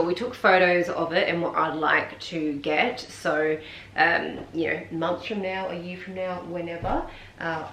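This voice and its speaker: An Australian woman chats to her viewers while she folds laundry at home, wandering from topic to topic with plenty of ums. Her voice sits a little low and has a tired, slightly hoarse edge. The home room echoes noticeably, with a faint ambient hum underneath. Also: a bit bright. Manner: chatty, rambling, frequent ums. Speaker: vlogger. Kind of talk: casual chat while folding laundry.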